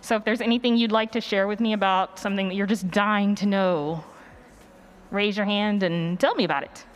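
A woman with a mid-range voice and fairly even intonation keeps a moderate pace as she jokes around casually with listeners before her workshop begins. The setting is a conference stage during a live session, and background noise and live ambience come through clearly.

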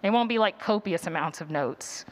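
In a conference room full of attendees, this presenter runs her workshop in a warm, conversational way and takes questions. She has a fairly low, expressive voice at a moderate pace, though the recording is rough.

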